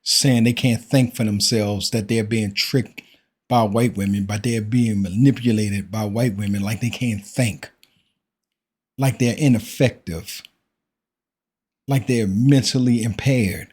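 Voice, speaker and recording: A man's voice: fairly low pitch, fairly even intonation, measured pace, a little mellow, breathy edge. A man hosting a reaction commentary, speaking in a critical, preachy way and firing off rhetorical questions.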